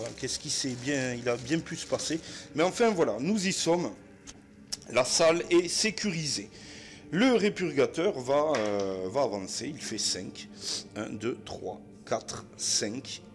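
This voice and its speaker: A man's voice: on the high side, fairly bright tone. A man with a southwest French accent, narrating a solo board game in a chatty way, full of fillers. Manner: chatty, many fillers, addresses viewers as friends.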